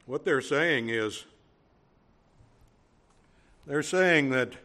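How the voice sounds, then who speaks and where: A Cajun man delivers a sermon at an unhurried pace. His voice sits at a middle pitch, and he builds emphasis by repeating words in a calm, teaching manner. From Louisiana. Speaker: preacher.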